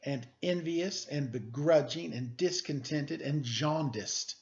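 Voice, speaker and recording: A man's voice: fairly high pitch, slow pace. Storybook dad as a man reads him: doting, wordy, effusive, slightly muffled recording. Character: doting, wordy father of a little girl.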